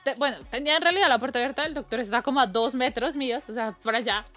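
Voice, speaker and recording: A woman's voice: high voice, very fast, fairly bright tone, soft background music. A young woman telling a casual anecdote, acting out the voices she quotes and laughing often. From Colombia. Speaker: storyteller.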